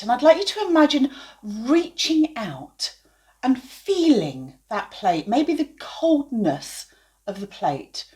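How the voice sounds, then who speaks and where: A woman's voice: medium pitch, darkish tone. A woman teaching hypnotherapy, explaining and then demonstrating dramatic aversive suggestions in a hypnotic voice.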